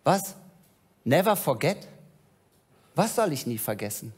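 A man's voice: a little high, very animated, a little slow, slightly rough, exaggerated voice. A man voicing Adam as a joyful, childlike young man who gushes enthusiastically to an unseen father. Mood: dreamy, tender.

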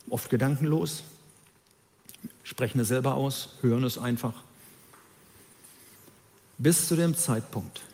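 A man preaching a sermon, emphatic and lively, who acts out the voices of the people he quotes. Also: mid-range voice, in a large hall.

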